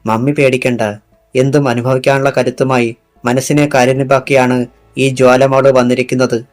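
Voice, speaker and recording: A man's voice: mid-range voice, little pitch movement, moderate pace, faint music behind, close to an everyday voice. Fierce young policewoman voiced by a male narrator. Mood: comforting. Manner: intense vowing speech.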